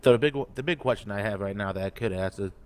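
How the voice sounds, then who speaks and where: Chatting casually as a role-play game player, a man rambles hesitantly as he works toward his point. His voice is lowish, smooth and fast.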